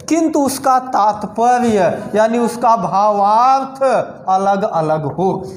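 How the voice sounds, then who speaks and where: A man from teaching a class, explaining slowly and over and over, and throwing questions at his students. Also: very high-pitched. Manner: slow, repetitive explaining with rhetorical questions to students. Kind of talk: classroom lecture. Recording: echoey room.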